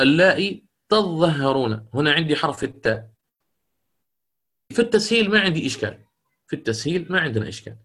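A man's voice: mid-range voice, a bit bright. Man teaching Quran recitation rules. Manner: explanatory, repeats key phrases, chants verse examples slowly. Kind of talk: lecture on Quranic readings.

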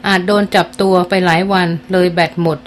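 A woman reading a novel aloud as an audiobook narrator, in a steady storytelling manner that slows down for dialogue. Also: on the low side, a little hiss or hum.

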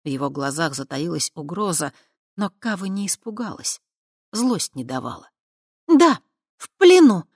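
Brief: expressive fantasy audiobook narrator, mid pitch, dry close read. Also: normal speed, breathy edge, no room sound. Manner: expressive storytelling.

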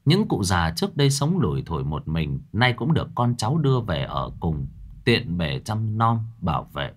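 A man's voice: deep voice, big pitch swings, moderate pace, slightly rough. A man narrating a horror story in a dramatic storytelling manner.

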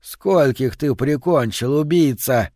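A man voicing an unshaven, exhausted, half-mad man who speaks in a slow, hoarse, menacing drawl. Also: medium pitch, a little mellow, no room sound, clean studio sound.

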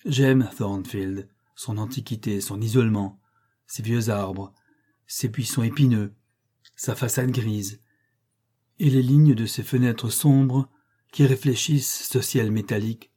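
A man reading the lines of a brooding, bitter middle-aged gentleman in a slow, declamatory way. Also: medium pitch, steady tone, breathy edge.

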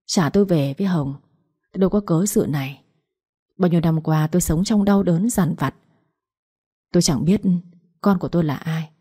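A woman's voice: lowish voice, mellow, breathy edge. A woman voicing a guilt-ridden older father who pleads in anguish, read in a story.

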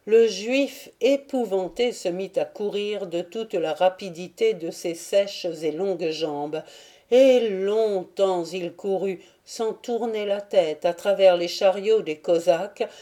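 A woman reading a classic novel aloud as an audiobook narrator, measured and steady. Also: medium pitch. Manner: slow, measured storytelling. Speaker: audiobook reader. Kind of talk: scripted narration.

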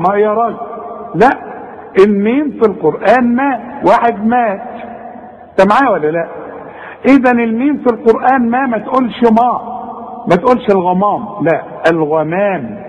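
A man with an Egyptian Arabic accent teaching tajweed, drawing out words slowly to demonstrate and chiding the student. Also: high voice, long reverb tail, muffled recording. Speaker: Quran recitation teacher. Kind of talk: tajweed lesson.

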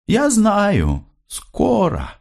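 An older mother, gentle and worn down by years of hardship, speaks in a raised, pleading voice, put on by a man. Her lines swing widely and carry strong emotion. It sounds like a storybook reading. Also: wildly swooping pitch, very slow, gravelly, exaggerated voice. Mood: tender. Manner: higher, pleading, emotional delivery.

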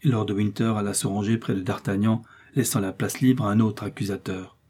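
Husky-voiced male audiobook narrator. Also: fairly low pitch, fairly even intonation, warm tone. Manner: measured, dramatic reading.

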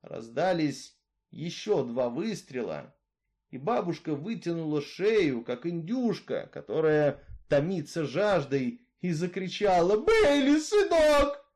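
A man reading a story aloud with expressive, dramatic narration. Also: a little high, takes it slowly. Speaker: story reader.

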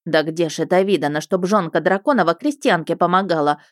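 A woman's voice: lowish voice, a little fast, no room sound, studio quality, natural voice. A woman voicing a fussy, doting village peasant woman who clucks and laments in folksy speech. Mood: fussing.

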